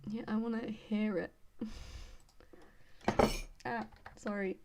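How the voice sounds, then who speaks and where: A young woman from Birmingham with an English accent, chatting casually with her live stream viewers in a hesitant, rambling way, full of fillers and quick laughs. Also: medium pitch, flat delivery, highs cut off, heavy background noise. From Birmingham, England. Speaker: study stream host.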